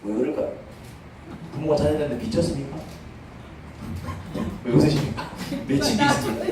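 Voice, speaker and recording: A man's voice: a little high, wildly swooping pitch, brisk, very echoey, far from the mic, over a noisy crowd, rough recording. A male pastor preaching a sermon in a church, speaking conversationally and asking the congregation many questions. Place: church sanctuary.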